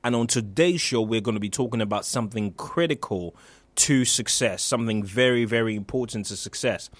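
A man's voice: fairly low pitch, no room sound. Earnest Nigerian-raised man hosting radio. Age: young adult. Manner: earnest, with frequent um and uh fillers. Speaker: radio host. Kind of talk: motivational radio talk.

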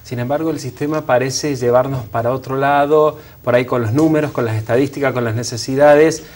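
A man's voice: mid-range voice, steady tone, fairly quick, a little mellow. Argentine male TV host; brief prompting questions, frequent affirmations. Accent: Argentine Spanish. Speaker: TV interview host. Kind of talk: political interview questions.

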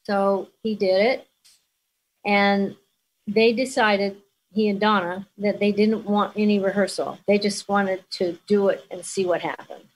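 A woman's voice: mid-range voice, steady tone, a little slow, low-quality recording. Laughing older woman telling stories. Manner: warm storyteller, laughs often. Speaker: interview guest. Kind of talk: reminiscing conversation.

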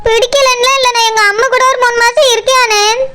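A woman's voice: extremely high pitch, fairly even intonation, fast talker, bright, forceful tone. A woman voicing an upset, stubborn pregnant young village wife in a cartoon, speaking with a Tirunelveli Tamil accent and complaining insistently. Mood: aggrieved. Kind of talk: cartoon comedy dialogue.

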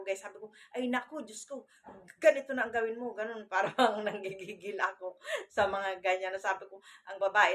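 A woman's voice: mid-range voice, bright, forceful tone. A woman vlogging alone to her camera at home, chatting loosely, calling her viewers "guys" again and again and restarting her sentences. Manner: chatty, says "guys" often, many restarts. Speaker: vlogger on amulets and folk spirituality. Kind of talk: casual talk to camera.

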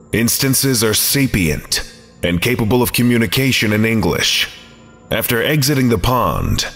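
A man reading an archive file as scripted narration, measured and documentary. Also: fairly low pitch, fairly bright tone, big-room sound.

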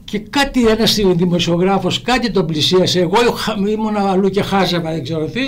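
An older man, an actor, telling rambling stories on the radio with many restarts. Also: sits high. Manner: rambling, frequent restarts and repeated "he tells me". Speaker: actor guest. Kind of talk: anecdotal storytelling on radio. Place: radio studio.

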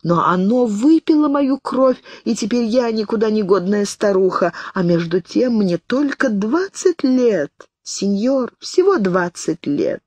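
A woman's voice: mid-range voice, expressive, unhurried, few pauses, a little mellow, no echo, pitched above the performer's own voice. A woman voicing a mad, childlike elderly Englishwoman who chatters in a plaintive singsong.

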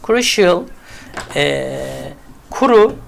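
Woman tutor, fry-tinged voice, loose and repetitive, talking straight to students. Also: on the low side, big pitch swings, drawn-out words, a little hiss or hum. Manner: chatty, repeats words, builds memory tricks. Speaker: English vocabulary teacher. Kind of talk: casual spoken lesson.

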